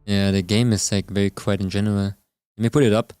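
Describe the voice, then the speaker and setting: A man's voice: on the low side, level tone, fast talker, darkish tone, clean tone, no echo, faint music behind. Laid-back man, muffled dry close mic. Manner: laid-back, laughs often. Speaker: co-op gaming partner. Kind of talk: casual gaming chat. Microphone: close microphone, muffled.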